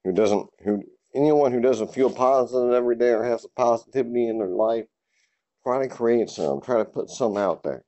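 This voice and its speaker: This podcast host records solo from his home garage, rambling loosely in a casual way, with plenty of fillers and offhand swearing. His voice is medium-pitched and warm, moving at a normal speed, though the audio sounds dull.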